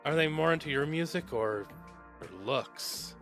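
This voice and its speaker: Guy putting on a clingy jealous young boyfriend, higher and pleading, bright tone, faint music behind. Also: measured pace. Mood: curious, clingy.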